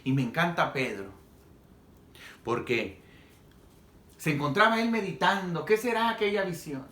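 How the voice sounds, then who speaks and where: A man's voice: fairly high pitch, animated, measured pace, a bit bright, roomy sound. A man preaching a sermon as a pastor, telling the story dramatically and acting out the quoted dialogue.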